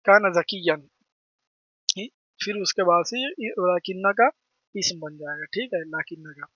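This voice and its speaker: A man's voice: high-pitched, unhurried, sharp tone, dry recording, lo-fi sound. A man with a delivery teaching Arabic grammar, who keeps asking questions and answering them himself. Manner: repeats terms, asks and answers own questions. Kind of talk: explaining grammar lesson.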